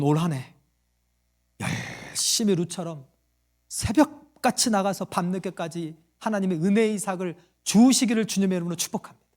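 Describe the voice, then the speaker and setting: A male pastor preaching a sermon to his congregation, quizzing them with questions and acting out the voices in his stories. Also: high-pitched. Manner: acts out quoted voices in a story.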